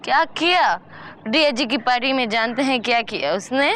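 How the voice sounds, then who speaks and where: A woman's voice: fairly high pitch, animated, normal speed, a bit bright, slight background noise. An actress playing an exasperated wife and mother, scolding sarcastically in broad television comedy style. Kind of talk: broad television sitcom acting. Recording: music playing behind the voice.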